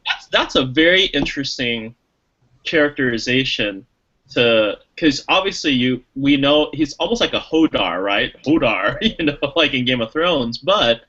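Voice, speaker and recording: A man's voice: medium pitch, animated, moderate pace, sharp tone, dull audio. A man co-hosting a podcast, chatting casually and enthusiastically about a movie, rambling with lots of fillers. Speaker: podcast co-host. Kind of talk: casual movie review chat.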